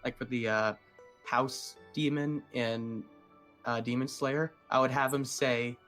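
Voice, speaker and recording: A man's voice: medium pitch, steady tone, takes it slowly, fairly bright tone, soft background music. A man co-hosting a podcast, asking questions in a rambling, casual way. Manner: rambling, filler-heavy. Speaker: podcast co-host.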